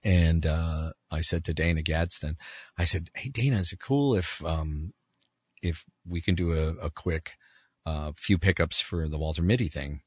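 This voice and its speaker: A man who voices characters, telling animated anecdotes and acting out other people's voices. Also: measured pace, slightly rough, no echo. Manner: acts out other people's voices with big pitch jumps. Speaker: voice actor guest.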